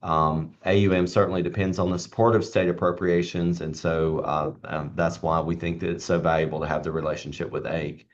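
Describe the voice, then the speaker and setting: A man with a deep voice presents formal remarks as a university official. He speaks in prepared, institutional phrasing with hesitant breaks. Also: little pitch movement, a little fast, few pauses, dull audio.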